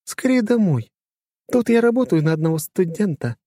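A man voicing a confident young woman lawyer in an audiobook, composed and quick-witted. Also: high-pitched, expressive, mellow, dry recording, clean studio sound, voice pushed up. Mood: friendly. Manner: poised, mocking, composed. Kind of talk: audiobook character voice.

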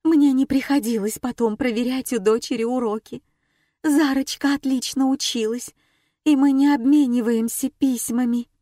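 A woman voicing a frantic middle-aged mother who wails in shrill, panicky outbursts. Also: fairly even intonation, normal speed, dark tone, no room sound, studio quality. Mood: panicked.

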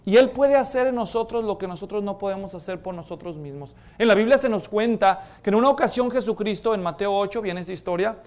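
High-voiced preacher telling stories dramatically. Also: male voice, quick pace, few pauses. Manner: dramatic storytelling, acting out voices, dropping to quiet emphasis. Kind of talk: sermon.

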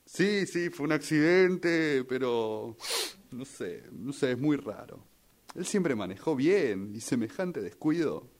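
Slow and expressive, an Argentine man with a mid-range voice performs a rehearsed radio drama piece in a workshop, playing a bereaved son who suspects something about his father's death. He sounds troubled and doubtful, faltering and going back over his phrases.

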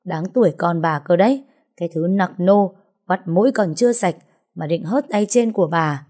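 A woman's voice: fairly low pitch, normal speed, a little mellow, lightly acted. Woman putting on a screeching jealous wife. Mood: furious. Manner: screeching insults, theatrical wailing. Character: furious heavyset middle-aged wife, loud and abusive. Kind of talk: audiobook story reading.

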